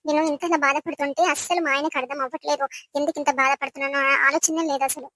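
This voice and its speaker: A woman's voice: high voice, flat delivery, fast talker, pushed and bright, no echo. A woman voicing a hurt, sulking young wife in a village comedy skit, complaining about her husband. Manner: complaining, aggrieved.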